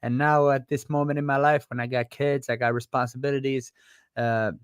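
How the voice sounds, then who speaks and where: A man's voice: medium pitch, little pitch movement, a little fast, clear, resonant tone, no room sound, studio quality. A man, a boxing coach, speaking as an interview guest in a plain-spoken, reflective way. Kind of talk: casual interview.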